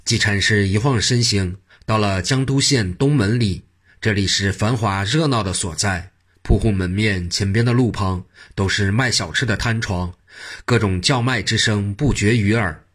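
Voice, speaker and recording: A man narrating a traditional story with a lively, vivid manner. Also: on the low side, normal speed, breathy edge.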